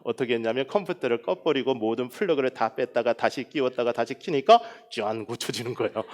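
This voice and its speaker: A middle-aged man who is a guest pastor, preaching a revival sermon in a humorous, animated way and raising his voice for emphasis. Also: mid-range voice.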